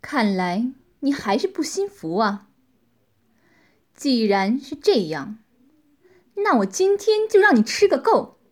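A woman's voice: sits high, very animated, takes it slowly, long pauses, a little mellow, full character voice. A woman voicing a cruel, playful young woman with hypnotic power, cold and mocking in her speech. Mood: cold, threatening.

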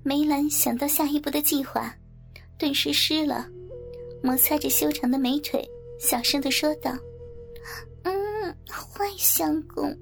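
A woman narrating a martial-arts novel in a steady storytelling manner. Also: high voice, normal speed, creaky. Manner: steady storytelling, acts out characters. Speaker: audiobook narrator. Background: faint background music.

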